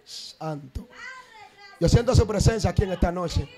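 A very high-pitched man with a Dominican accent preaches a fiery Pentecostal sermon at a night church service. He swings between impassioned shouts and low murmurs, now and then breaking into tongues. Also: normal speed, crowd noise. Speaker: evangelist preacher.

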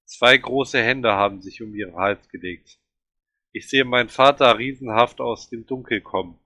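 Ein Mann liest einen Roman dramatisch und angespannt vor. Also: male voice, mid-range voice, moderate pace, bright, forceful tone, no echo. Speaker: reader. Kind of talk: reading a novel aloud.

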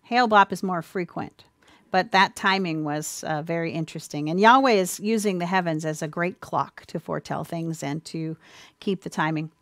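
A woman giving an earnest, sermon-style Bible teaching, speaking warmly to listeners as dear ones, with a few ums and restarts. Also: fairly low pitch, normal speed, no echo. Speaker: presenter of a church teaching.

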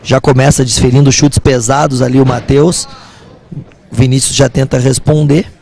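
A man's voice: mid-range voice, little pitch movement, normal speed, creaky, a little mellow. A Brazilian man giving live kickboxing commentary as a fight commentator.

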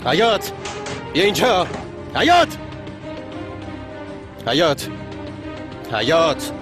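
A man's voice: on the high side, animated, over music, natural voice. A man dubbing a young husband who insistently demands answers from his wife. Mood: angry. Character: young husband, angry and suspicious. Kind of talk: TV drama dub.

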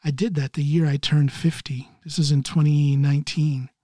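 A man in his early fifties from Ohio, hosting a solo podcast while recovering from neck surgery, talking haltingly and clearing his throat often. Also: on the high side, level tone, warm tone, no echo, studio quality. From Ohio, USA. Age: 50s. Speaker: podcast host. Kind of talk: casual solo podcast monologue.

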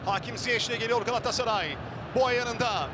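A man giving live football play-by-play, excitable and screaming out goals and players' names. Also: very high voice, fast talker. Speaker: football match commentator. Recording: loud stadium crowd noise behind voice. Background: roaring football crowd.

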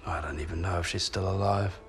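An actor playing a weary, homesick soldier held prisoner in a war video game. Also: male voice, low voice, fairly even intonation, fast, vocal fry, music in the background. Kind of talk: dramatic video game acting.

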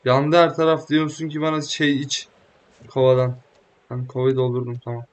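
A young man giving casual, joking let's-play commentary, excitable and slangy, often talking back to the game. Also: medium pitch, moderate pace. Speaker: gaming YouTuber.

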